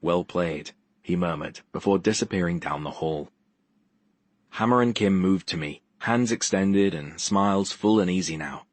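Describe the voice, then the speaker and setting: A man's voice: sits low, moderate pace, no echo. A man narrating a first-person audiobook with a wry, dry wit.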